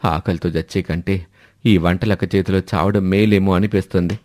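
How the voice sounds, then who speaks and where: A man voicing a hungry, complaining old father-in-law in an animated story. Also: low voice, moderate pace, no room sound, clean studio sound, pitched below the performer's own voice, close to an everyday voice. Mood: grumbling. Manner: whiny complaining, fearful asides.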